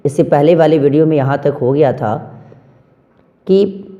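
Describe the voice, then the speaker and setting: A man's voice: fairly high pitch, moderate pace, mellow, dull audio. A man teaching a video lesson, listing words one at a time and asking and answering his own questions. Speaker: English teacher. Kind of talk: classroom-style video lesson.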